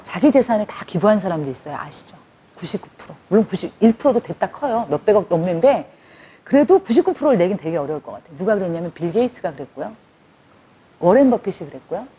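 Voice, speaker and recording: A woman giving a lively, conversational public lecture to an audience. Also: mid-range voice, husky. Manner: lively, conversational, acts out quotes. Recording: dull lo-fi recording.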